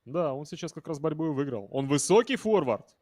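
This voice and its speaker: Higher-pitched male football commentator. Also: lively intonation, a little fast, mellow. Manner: conversational, addresses viewers and players directly.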